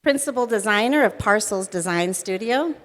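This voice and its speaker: A woman introducing the panelists on stage in a measured, formal way. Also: medium pitch, lively intonation, in a large hall. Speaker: event announcer.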